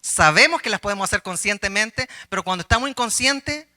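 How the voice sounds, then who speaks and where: A man's voice: high-pitched, animated, a little fast, pushed and bright. A middle-aged man, a pastor giving a conversational sermon, telling a personal story with humor and questions to his listeners.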